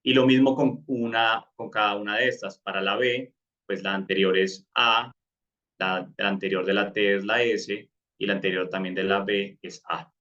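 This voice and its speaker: A man's voice: fairly low pitch, fairly even intonation, normal speed, a bit bright. Man, live online lesson, lots of fillers, muffled sound. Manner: explanatory, many fillers and restarts. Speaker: crypto course instructor.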